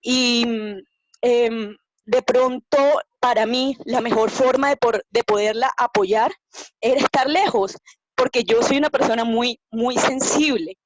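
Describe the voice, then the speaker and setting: A woman's voice: a little high, no echo, muffled recording. Tearful woman sharing a personal story. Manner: emotional, tearful, hesitant. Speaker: family member of a cancer patient. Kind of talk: personal testimony in a panel talk.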